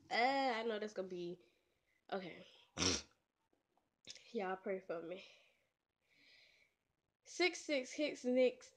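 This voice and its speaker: A woman's voice: on the high side, a little mellow. A woman vlogger, attempting tongue twisters in a casual challenge video, playful and teasing. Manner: playful, trash-talking, laughs at her own slips.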